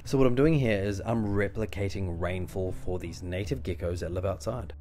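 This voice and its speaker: Deep-voiced, enthusiastic New wildlife host. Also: male voice, normal speed, background noise. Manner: emphatic, repetitive, playful, swearing enthusiast. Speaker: gecko keeper and wildlife vlog host. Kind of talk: enthusiastic wildlife storytelling narration.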